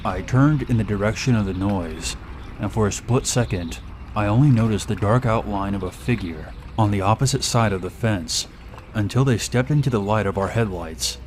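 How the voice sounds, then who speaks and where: A man reading a first-person horror story aloud in a steady, measured way. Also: lowish voice, slight background noise. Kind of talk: scripted horror story narration.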